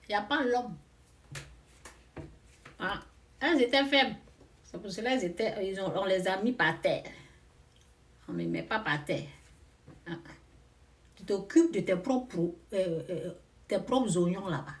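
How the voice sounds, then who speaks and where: A woman's voice: mid-range voice, animated, moderate pace, long pauses, distant mic. A woman, giving fervent spiritual advice and repeating pointed rhetorical questions. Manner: emphatic, repeats rhetorical questions, swings from loud to quiet.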